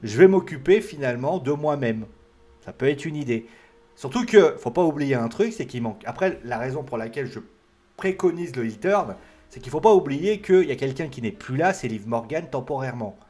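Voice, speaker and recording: A man's voice: mid-range voice, lively intonation, brisk, a little mellow. A man giving a casual, rambling solo review of a wrestling show, full of fillers and restarts.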